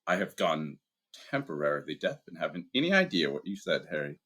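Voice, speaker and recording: A man voicing a calm, wise old male headmaster who speaks in a measured, dryly humorous way. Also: extremely low pitch, breathy edge, heavily acted. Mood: wry, calm. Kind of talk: audiobook character voice.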